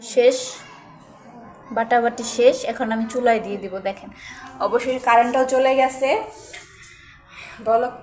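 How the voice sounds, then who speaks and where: A woman's voice: a little high, fairly even intonation, unhurried, long pauses, a little mellow, poor audio. A young woman chatting casually to her viewers in a home vlog, talking through a cold and a sore throat. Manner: chatty, rambling, addresses viewers directly. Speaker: vlogger. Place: home, indoors and on a rooftop garden and kitchen.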